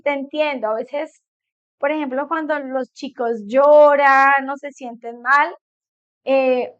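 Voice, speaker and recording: A middle-aged woman psychologist giving a conversational talk to a group of parents, often checking in with her listeners. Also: high-pitched. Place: meeting room with an audience. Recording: dull lo-fi recording.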